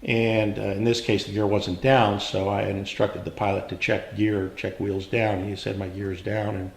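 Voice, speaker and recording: An older American man, a veteran remembering his service in an unscripted interview, speaking in a measured, halting way with reflective pauses. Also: fairly low pitch, vocal fry. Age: older, around 70s. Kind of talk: unscripted oral history interview, reminiscing. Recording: roomy, echoing interview sound.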